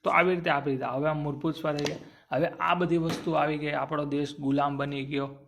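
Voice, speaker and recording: Gravelly-voiced man teaching grammar. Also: a little high, steady tone, fairly bright tone, slight background noise. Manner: stretches sounds out slowly, asks and answers own questions. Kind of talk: exam-prep grammar lesson.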